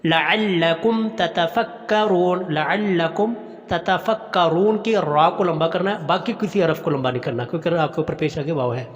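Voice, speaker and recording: A man teaching Quran recitation, chanting each phrase slowly and then explaining how to pronounce it. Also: a little high, big-room sound, muffled recording. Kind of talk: recitation lesson.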